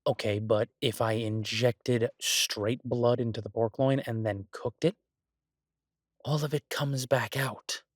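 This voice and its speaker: Speaking slowly in a steady, mid-range voice with a breathy edge, a man voices an exasperated yet affectionate human boyfriend, a chef cooking for supernatural restaurant guests, in a roleplay audio. He rants to his partner incredulously and conversationally, emphasizing repeated words. The sound is clean studio with no room sound.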